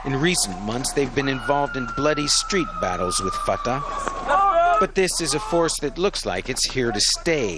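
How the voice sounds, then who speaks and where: A man reports from the field, his voice rising and falling widely. Loud street noise and police sirens wail behind him. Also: on the high side, huge pitch swings, moderate pace. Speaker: news reporter.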